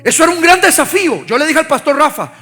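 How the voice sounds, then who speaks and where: An extremely high-pitched, sharp voice with big pitch swings belongs to a fast-talking Costa Rican pastor preaching live. He fervently pushes the congregation to repeat after him, and the recording captures a reverberant large sanctuary with faint music.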